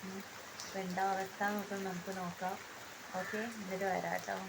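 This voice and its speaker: A woman's voice: medium pitch, little pitch movement, a little fast, gravelly, low-quality recording. A woman vlogger chatting casually, explaining step by step what is happening at her home. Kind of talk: casual vlog narration. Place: outdoors at home during heavy rain.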